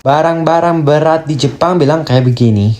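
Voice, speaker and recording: A voice announcing each topic with short, flat prompt-style lines. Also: medium pitch, normal speed.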